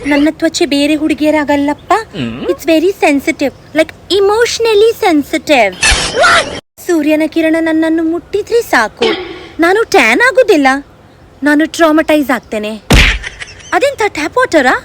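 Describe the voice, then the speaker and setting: A woman's voice: sits high, very animated, slow, noisy background, heavily acted. A woman playing a vain, fussy, overly sensitive young woman in a comedy sketch, talking in an affected, dramatic way and mixing English in. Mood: prissy, dramatic.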